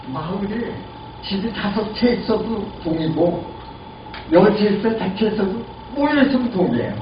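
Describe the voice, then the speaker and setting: A man in his eighties giving a lively lecture and asking the audience questions. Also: high-pitched. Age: 80s. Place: lecture room. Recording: lo-fi, echoey, distant, noisy.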